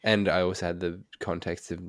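A man in his thirties chats on a parenting podcast with a very deep, low voice. He makes dry, understated jokes, and the sound is close and dry, with no room echo. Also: flat delivery, brisk. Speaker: podcast co-host, father. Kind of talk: casual podcast chat.

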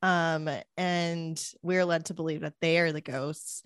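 Low-voiced young woman retelling a film. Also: a little slow, clean tone, dry recording, clean studio sound. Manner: animated retelling, acts out quotes, frequent likes. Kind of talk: casual chat about a film.

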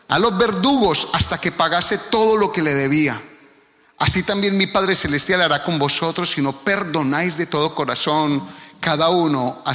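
A man's voice: on the high side, bright, forceful tone. A man with a Colombian accent preaching a sermon as pastor, earnest and emphatic, speaking directly to the congregation. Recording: long hall reverb.

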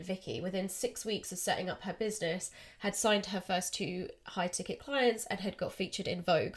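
Woman in her thirties from the UK, podcast host, eager and upbeat, slightly blocked-up nose, mid pitch. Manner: upbeat, enthusiastic, laughs often. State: slightly congested from a cold. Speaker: podcast host, confidence coach. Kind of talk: casual podcast monologue.

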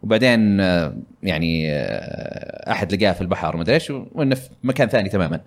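A man's voice: deep voice, very animated, racing. A man hosting a casual gaming podcast, talking in a rambling way with many fillers. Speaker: podcast host.

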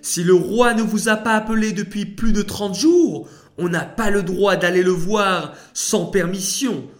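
A man voicing a young queen in a children's story, speaking in a high, pleading tone that turns commanding. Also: lively intonation, slow, soft background music. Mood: frightened. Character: young queen, frightened then resolute.

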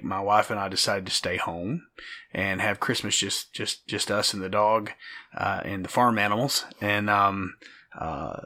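Hoarse man, late forties, podcast co-host; low, forceful, rambling and chatty. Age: 40s. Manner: rambling, many fillers and restarts. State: hoarse, gravelly voice. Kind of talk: casual podcast chat.

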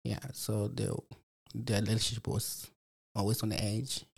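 A man's voice: fairly low pitch, little pitch movement, moderate pace, vocal fry, breathy edge. A man, telling his life story in an interview, reflective and full of fillers. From Malawi. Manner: reflective, many fillers like "you know". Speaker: program resident guest. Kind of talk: personal testimony interview.

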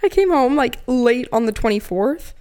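A young woman co-hosting a podcast, chatting casually and telling animated stories with plenty of swearing. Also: on the high side, normal speed. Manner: swears freely, animated storytelling. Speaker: podcast co-host. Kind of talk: casual chat.

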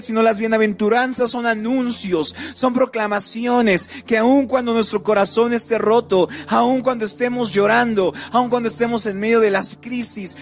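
High-voiced man preaching a sermon. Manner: sing-song preaching cadence with frequent repeated words. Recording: faint music behind.

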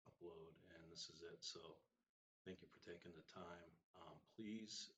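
A man, an emergency doctor, introducing his podcast in a casual, halting way, his voice muffled by a sore throat. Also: deep voice, fairly even intonation, bright, forceful tone, slight background noise. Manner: halting, many fillers. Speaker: emergency physician hosting a podcast.

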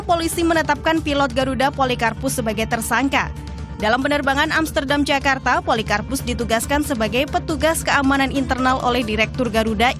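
A woman with an Indonesian accent reading formal scripted news narration. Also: high-pitched.

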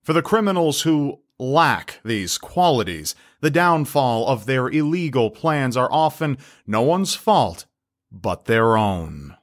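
A man's voice: medium pitch, very animated, unhurried, few pauses. A man reading scripted narration in the style of a true crime list video. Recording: music behind the voice. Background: background music.

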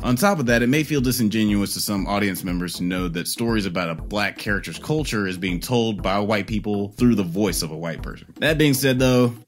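A man giving opinionated scripted commentary for a review video in a wry, sardonic manner, swearing freely. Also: fairly low pitch.

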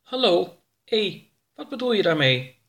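Tiny male alien explorer, high squeaky voice, excitable, bright tone, storybook reading. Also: gravelly, exaggerated voice. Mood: eager. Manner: high, excited, quick-tempered. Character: small curious male alien explorer, impulsive.

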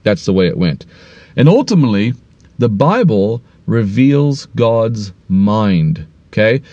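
Low, dark-voiced male Bible teacher. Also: big pitch swings, slow pace, dry recording, muffled recording. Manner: explanatory, repeats and restarts phrases. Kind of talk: recorded online course lesson.

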